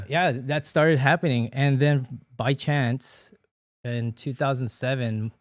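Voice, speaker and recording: A man's voice: mid-range voice, slow pace, dry recording, studio quality. Chatty man in his late thirties. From Philippines, raised in Hawaii. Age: late 30s. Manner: loose and chatty, full of "you know" fillers and restarts, laughs often. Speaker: guest. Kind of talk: casual conversational interview.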